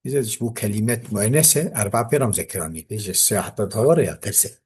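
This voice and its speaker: A man's voice: on the low side, expressive, racing, darkish tone, breathy edge. A man with a Kurdish accent teaching a classical grammar text, reading it aloud and then explaining it.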